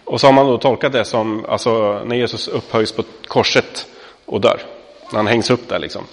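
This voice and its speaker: A man in his thirties preaching a sermon as pastor, in a relaxed conversational way, with many fillers and questions put to the congregation. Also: on the low side. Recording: long reverb of a hall.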